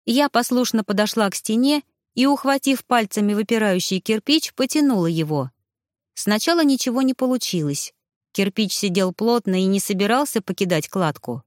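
A woman reading a first-person story aloud in a steady storytelling voice. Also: medium pitch, normal speed, dry recording, studio quality. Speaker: narrator. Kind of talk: audiobook narration.

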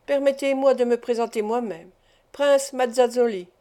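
A woman's voice: a little high, fairly even intonation, normal speed, warm tone, lightly acted. A woman reading the part of an old Italian prince, a ceremonious and persuasive gambler, in an audiobook.

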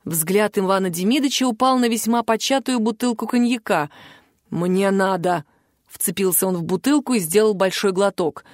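A woman narrating an audiobook in an even, clear storytelling manner on a close mic. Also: medium pitch, fairly quick, few pauses, no echo.

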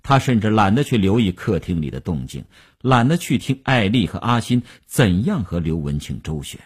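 A man narrating a novel in an expressive, dramatic reading. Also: lowish voice, normal speed, breathy edge. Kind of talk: storytelling reading.

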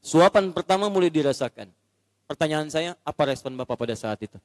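Brief: a high-pitched man preaching a sermon, lively storyteller, with a long hall reverb. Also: brisk. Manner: animated storytelling, acts out the characters. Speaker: Islamic preacher.

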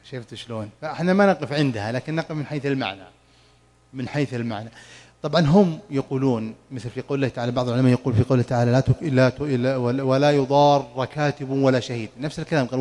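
A man teaching Quran commentary in a mosque study circle, slowly drawing out the verses he recites and quizzing his students as he explains. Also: medium pitch, a little mellow. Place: mosque lesson hall.

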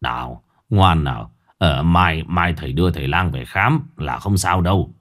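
Gruff hot-tempered village father, played by a man. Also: deep voice, big pitch swings, normal speed. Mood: coaxing. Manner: gruff, blustering.

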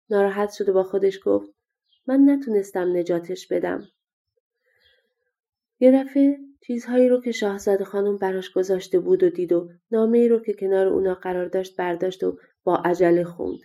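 A woman's voice: medium pitch, vocal fry, mellow. A woman narrating a fairy-tale audiobook in a colloquial, spoken-style reading. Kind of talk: scripted storybook narration.

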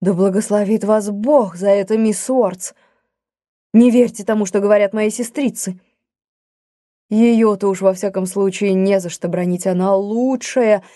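A woman reading the part of a defiant young gentleman in an audiobook, speaking in a passionate, declamatory way. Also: medium pitch, fairly even intonation, measured pace, dry recording, clean studio sound, lightly acted.

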